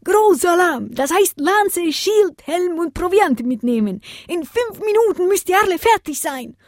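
A woman voicing a male rescue-dog leader who barks orders loudly and bossily. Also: very high voice, expressive, measured pace, dry recording, clean studio sound, voice pushed up, heavily acted. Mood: commanding. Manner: barking orders, loud and bossy.

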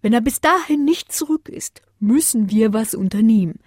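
A woman voicing a kind male Saint Bernard who speaks gently and calmly. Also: medium pitch, moderate pace, no echo, studio quality, close to an everyday voice. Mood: explaining.

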